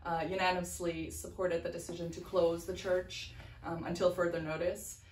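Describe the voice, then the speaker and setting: A woman's voice: fairly low pitch, level tone, normal speed, slight background noise. A woman in her forties, president of a parish board, making a hesitant church announcement with many ums, recorded by a far camera in an office. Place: church office with bookshelves, indoors. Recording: roomy sound from a distance.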